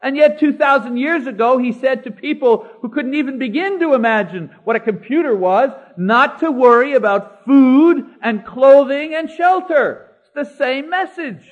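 High-voiced man preaching a sermon. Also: expressive. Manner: emphatic, slows down to stress key words; cites scripture chapter and verse. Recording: dull lo-fi recording.

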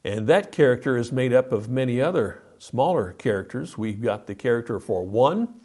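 A man's voice: mid-range voice, animated, normal speed, dark tone, husky. A man teaching a Bible study lesson, walking through slides step by step and reading scripture aloud with emphasis.

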